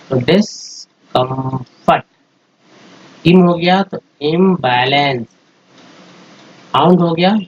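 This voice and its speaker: A man's voice: a little high, slight background noise. A man teaching English phonics, sounding out word parts one at a time and then joining them into whole words. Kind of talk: spoken phonics lesson over slides. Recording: dull lo-fi recording.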